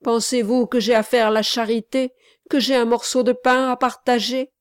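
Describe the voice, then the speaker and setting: A woman audiobook reader voicing a gaunt, bitter unemployed man with a raspy voice. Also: fairly high pitch, level tone, normal speed, no echo, clean studio sound, voice pushed up, close to an everyday voice. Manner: bitter, harsh. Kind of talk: audiobook character reading.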